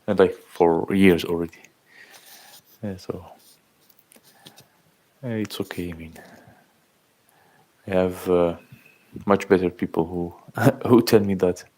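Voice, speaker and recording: A man in his thirties from Algeria, chatting casually on a livestream, reading out and thanking viewers' comments in halting speech. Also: deep voice, steady tone, mellow. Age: 30s. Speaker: livestream host. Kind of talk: casual live-stream chat.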